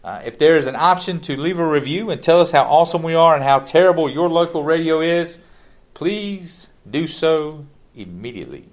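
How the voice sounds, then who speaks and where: Brief: male podcast co-host, fairly high voice, rambling, talkative, many restarts. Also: animated, moderate pace. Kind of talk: casual sports chat.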